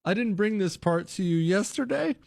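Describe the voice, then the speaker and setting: Commentator, mocking and animated delivery. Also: medium pitch, normal speed, gravelly. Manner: mocking, laughing asides.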